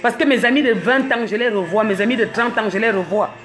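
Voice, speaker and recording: A woman's voice: on the high side, fast talker, faint music behind. A woman from Cameroon, ranting on a livestream, mocking and scolding with laughs between jabs. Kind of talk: live social media rant.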